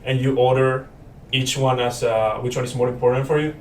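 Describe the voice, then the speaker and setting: A man's voice: medium pitch, little pitch movement, fairly quick, distant mic. A young man in his twenties from Paraguay, a native Spanish speaker, chatting as a student guest in a friendly, rambling way with many fillers and restarts. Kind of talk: casual interview chat. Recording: roomy, off-mic with faint noise.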